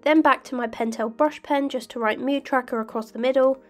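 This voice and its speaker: Slightly croaky young woman. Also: high voice, fairly quick, faint music behind. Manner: calm, detailed step-by-step explaining. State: croaky voice from illness. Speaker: bullet journal vlogger. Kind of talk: voice-over narration of crafting.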